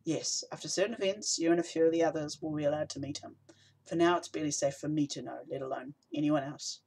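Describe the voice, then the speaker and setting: A man's voice: on the high side, steady tone, quick pace, darkish tone. A man reads as a woman who runs a rebel cell and is worn thin by work. She is curt and weary, firm when pressed. An audiobook part. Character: tired brisk woman rebel leader.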